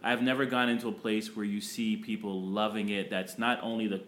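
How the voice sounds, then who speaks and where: A man's voice: lowish voice, level tone, fairly quick, fairly bright tone, roomy sound, slight background noise. A man hosting a business podcast with emphatic energy, hyping the listeners and praising his guest. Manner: emphatic, hypes the audience. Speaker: podcast host.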